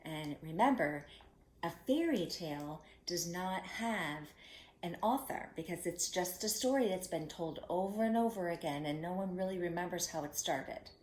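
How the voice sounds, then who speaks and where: A woman storyteller reading a fairy tale to children in expressive storybook narration, as in a fairy tale opening, with friendly asides to the listeners. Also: fairly low pitch, normal speed. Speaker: storyteller, children's read-aloud host. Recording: echoey room.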